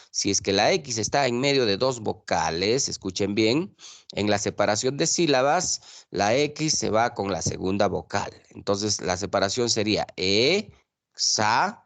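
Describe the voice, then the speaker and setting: A man lectures students in an online class, his pitch rising and falling with a lively swing. He lays out rules patiently and keeps checking that they follow along. The sound is dry and close, with no room echo. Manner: explains rules slowly, checks with students constantly. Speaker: teacher.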